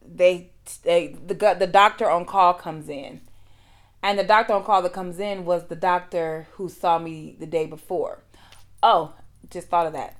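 A woman hosting a podcast, telling a personal story in a conversational way and acting out what others said. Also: lowish voice. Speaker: podcast host.

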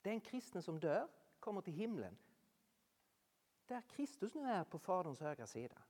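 A preacher giving a sermon, animated, with rhetorical questions and swings between loud and hushed. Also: medium pitch, long reverb tail. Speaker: speaker addressing a Norwegian audience.

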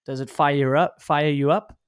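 A man's voice: on the high side, steady tone, moderate pace, smooth. A man with a South African accent, chatting casually as he interviews a guest. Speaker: podcast host interviewer.

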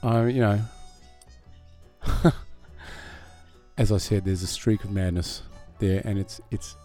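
A man's voice: lowish voice, fairly even intonation, takes it slowly, warm tone, soft background music. A middle-aged musician, a man, chatting as a podcast guest, rambling and self-deprecating with frequent laughs. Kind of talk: casual podcast interview.

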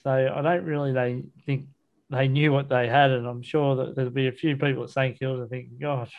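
A man's voice: mid-range voice, little pitch movement, a little fast, vocal fry, phone-quality sound. Blokey Australian man hosting casual footy chat. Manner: blokey, matey, colloquial. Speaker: sports podcast host. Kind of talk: casual football chat, match review.

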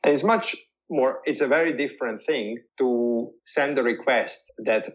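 A man with a medium-pitched voice and a moderate pace answers interview questions as a guest; his first language is Hungarian. He's thoughtful, often repeating words while he looks for phrasing, and the recording has a dull, lo-fi quality.

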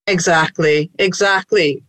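Slow-talking woman hosting, dry sound. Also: fairly low pitch, steady tone, a bit bright, no echo. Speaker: radio programme host. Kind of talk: casual interview chat. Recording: dry, faint music behind.

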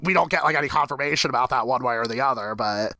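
Bright, animated man in his thirties. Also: rapid-fire. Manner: animated, jumps high in pitch when acting out reactions. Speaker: podcast co-host. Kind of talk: casual discussion of a TV episode.

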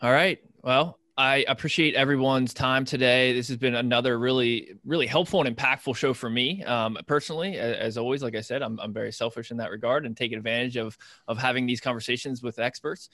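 An American man hosts a podcast conversationally. His pitch is average for a man. The sound is dry and free of room echo. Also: fairly even intonation, fairly quick, sharp tone. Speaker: podcast host. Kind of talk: casual podcast hosting.

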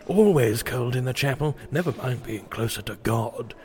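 A man's voice: medium pitch, animated, a little slow, very noisy, natural voice. An actor playing a pompous, bumbling, gluttonous medieval king in a comic drama, wordy and dithering. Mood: chatty, amused. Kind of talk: comic audio drama acting.

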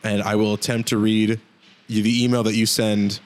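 A man co-hosting a casual hockey podcast, joking and rambling with quick asides. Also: fairly low pitch, flat delivery. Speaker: podcast co-host.

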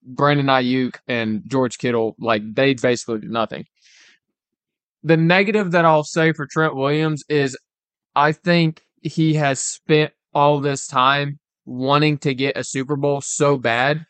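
A man's voice: mid-range voice, steady tone, unhurried, a bit bright, clear, resonant tone, dry recording. A young man co-hosting a casual sports podcast, analysing the game and often saying "like" and "literally". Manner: analytical, peppers talk with "like" and "literally". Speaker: podcast co-host.

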